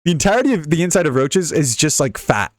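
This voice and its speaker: Young man, casual gameplay commentary, rambling and jokey, lively bouncing pitch, dry close sound. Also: quick pace, no echo. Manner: rambling, jokey, laughs often. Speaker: gaming YouTuber.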